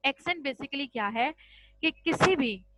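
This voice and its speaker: High-voiced woman teaching grammar patiently. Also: animated, measured pace, sharp tone, poor audio. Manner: patient, repeats points and checks with "ठीक है?"; addresses students as children. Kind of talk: classroom-style lesson in Hindi with English terms.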